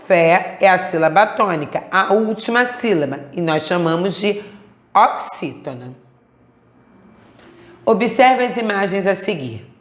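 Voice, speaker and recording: A woman teacher with a Brazilian Portuguese accent giving a recorded class, speaking slowly and stretching out words to show their syllables. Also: medium pitch, lively intonation. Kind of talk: recorded remote class lesson. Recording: echoey room.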